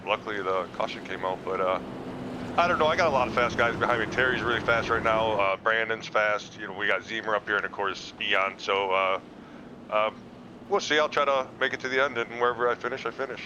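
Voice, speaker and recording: A racing driver calls in over a CB-style radio, his lowish voice coming from far off through a noisy line with wind hiss. He talks haltingly, stopping often for uh and um, and has a plain, easygoing delivery. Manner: halting, many uh and um fillers. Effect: driver radio call like a trucker CB.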